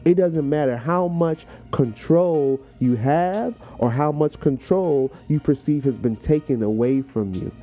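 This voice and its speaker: An American man with a fairly high, mellow voice hosts a podcast, giving an informal, emphatic motivational talk explaining a poem. He is conversational, digs into what words mean, and repeats phrases to drive them home.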